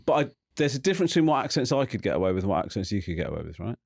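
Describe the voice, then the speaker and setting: Playful man hosting, lively pitch. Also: racing, gravelly, dry recording, clean studio sound. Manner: playful, teasing, reads out quotes. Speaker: podcast host. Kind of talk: casual comedic chat.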